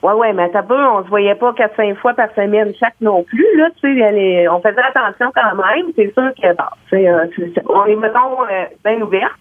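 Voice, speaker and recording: A woman with a Quebec French accent phones in to a radio show. She talks quickly and eagerly. The line is thin and tinny, and there is no room sound. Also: medium pitch, no echo. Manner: fast, excited talker. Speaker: caller. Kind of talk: casual call-in storytelling.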